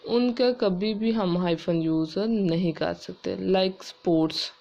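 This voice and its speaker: A woman English teacher explaining grammar rules step by step, spelling words out letter by letter and reading English rules slowly and carefully. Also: on the low side, warm tone, highs cut off. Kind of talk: classroom-style grammar lesson.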